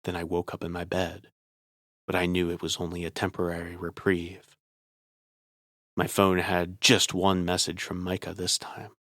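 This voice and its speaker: A man's voice: low voice, monotone, normal speed, fairly bright tone, no echo, clean studio sound. A man narrating a first-person horror story in a tense, scripted way.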